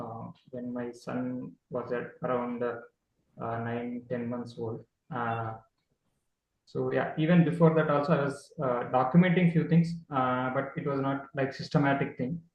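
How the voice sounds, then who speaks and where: A man's voice: mid-range voice, reverberant, highs cut off. A man presenting observations of his young child on a video call, speaking hesitantly with many fillers. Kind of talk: online talk presentation.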